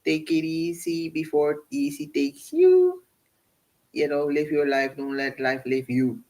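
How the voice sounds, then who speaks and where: A man hosting a casual livestream, rambling through relaxed shout-outs to his viewers and laughing often. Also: fairly high pitch, measured pace, rough recording. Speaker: livestream host.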